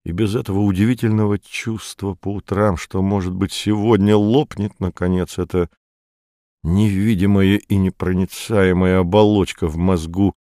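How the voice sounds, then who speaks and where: A man narrating a novel as an audiobook in a measured, even way. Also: sits low, no echo, clean studio sound.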